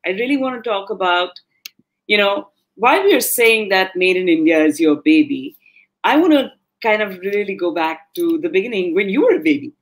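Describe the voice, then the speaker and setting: Gushy woman host, mid-pitched voice, very effusive with her guest. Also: expressive, moderate pace. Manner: effusive, gushing. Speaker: forum host. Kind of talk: online interview hosting.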